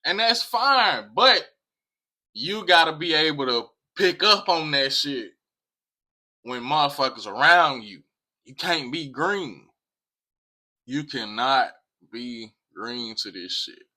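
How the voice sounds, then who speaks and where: A man's voice: fairly high pitch, lively intonation, takes it slowly, sharp tone. An American man talking casually to viewers in an emphatic way, repeating phrases and swearing freely. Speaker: vlog host.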